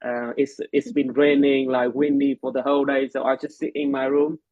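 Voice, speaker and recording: A man with a Vietnamese accent, a medical lecturer and English tutor, hosts a casual chat, introducing things hesitantly with frequent fillers and restarts. His medium-pitched voice is a little mellow, with little pitch movement at a moderate pace, in a muffled recording without echo.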